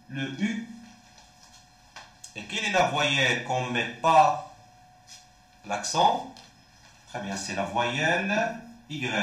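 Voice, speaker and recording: A male teacher with a Moroccan accent explains a French lesson slowly. His pitch rises and falls a lot as he stresses each word. He sounds like he is in a very echoey room. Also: a bit bright. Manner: slow, repeating words, asking then answering itself. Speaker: primary school French teacher. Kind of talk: classroom lesson.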